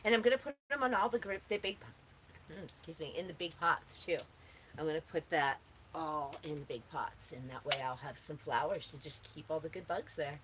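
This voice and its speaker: A woman's voice: low voice, normal speed. A woman chatting casually and answering questions in a laid-back, stoner-like ramble, recorded outdoors with some background noise. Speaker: host answering gardening questions.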